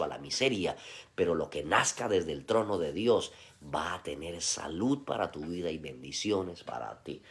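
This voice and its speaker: Brief: middle-aged Colombian male pastor, lowish voice, fervent sermon delivery. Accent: Colombian Spanish. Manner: impassioned preaching with shifting emphasis.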